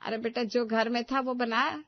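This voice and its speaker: A woman's voice: a little high, big pitch swings, brisk, no echo, voice pushed up. Give me a woman playing a worried mother, pleading and hurt, on a muffled recording.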